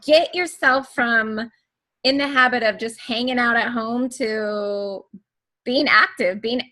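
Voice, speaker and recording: A woman's voice: a little high, takes it slowly, sharp tone. A woman hosting an interview, asking questions and encouraging her guest with frequent short replies. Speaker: host.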